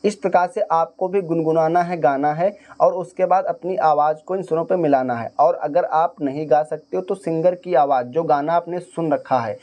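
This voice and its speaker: A man's voice: on the high side, moderate pace, hardly any pauses, darkish tone. A man teaching harmonium in a casual spoken lesson, explaining step by step and singing short phrases to show each note. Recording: faint harmonium music behind. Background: harmonium playing.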